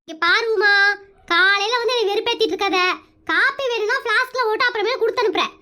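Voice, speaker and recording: A woman voicing a bossy, sharp-tongued middle-aged village housewife in a cartoon comedy, speaking with a brusque, scolding manner. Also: extremely high pitch, quick pace. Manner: brusque, scolding, matter-of-fact.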